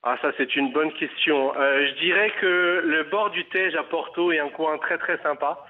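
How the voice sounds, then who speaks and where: A man's voice: a little high, steady tone, moderate pace. A man from Paris calling in to a radio show, talking hesitantly with many fillers and restarts. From Paris, France. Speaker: caller. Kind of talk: phone interview. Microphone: telephone. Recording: tinny phone line.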